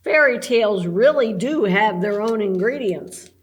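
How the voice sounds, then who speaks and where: A woman's voice: mid-range voice, lively intonation, unhurried, close to an everyday voice. A woman voicing an eager, polite male cook in a storybook read-aloud, earnest and apologetic.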